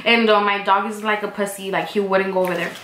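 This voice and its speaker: A woman's voice: mid-range voice, level tone, fast talker. A young woman telling a story in a casual chat, slangy and swearing a lot, a little sick, recorded at home on a camera. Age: young adult. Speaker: co-host, sister. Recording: roomy room, faint noise.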